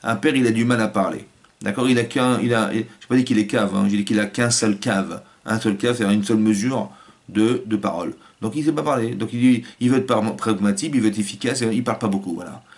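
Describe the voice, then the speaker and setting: A man, a rabbi, giving a Torah lecture in an animated way, acting out family voices and restarting his phrases often. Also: fairly low pitch, quick pace.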